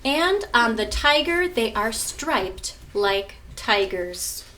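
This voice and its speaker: An adult woman who teaches art and is a mother presents a lesson at home and reads a picture book aloud, instructively and often quizzing children. Her voice is a little high, with big pitch swings and an unhurried pace. She sits far from the mic, and background noise is present.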